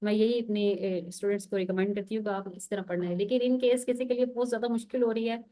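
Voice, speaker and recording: Female teacher, patient and methodical, voice at a middle pitch, sounds out letters one by one. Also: fairly even intonation, fast talker, dark tone. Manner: patient, repeats "okay" to check understanding. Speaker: Quran recitation teacher. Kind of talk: online lesson.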